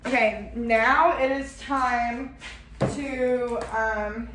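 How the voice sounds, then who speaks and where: A young woman talking casually through a cooking tutorial in her apartment kitchen, excitable and chatty, full of "like" and "oh my God," picked up by a camera mic across the room. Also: a little high, extremely slow. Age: young adult. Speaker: cooking vlogger. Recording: echoey room, faint noise.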